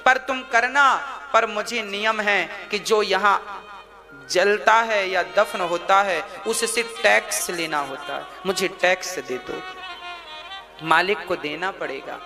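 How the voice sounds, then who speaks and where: A man's voice: high-pitched, gravelly, exaggerated voice. A preacher playing a stern, duty-bound fallen king. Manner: firm, measured. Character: humbled king turned cremation-ground guard, stern, duty-bound man. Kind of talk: devotional storytelling. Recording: long hall reverb with music behind.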